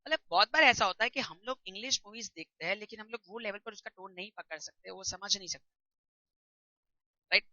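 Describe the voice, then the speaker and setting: A man's voice: high voice, a little fast, bright, forceful tone, no echo, dull audio. A man teaching a lecture class in a conversational way, often putting questions to his students.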